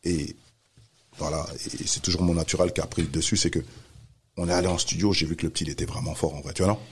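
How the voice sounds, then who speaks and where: A man telling a story in casual chat, animated, acting out the voices of the people he quotes. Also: low voice, fast talker, slight background noise. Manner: animated, acts out quoted voices, many restarts. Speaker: music manager telling a story.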